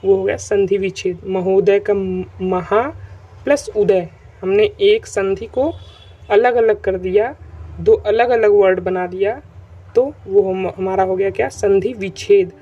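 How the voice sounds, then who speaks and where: A man's voice: high voice, fairly even intonation, measured pace, mellow. A man teaching an online grammar lesson who repeats his points and keeps checking that students follow. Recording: dull lo-fi recording with faint music.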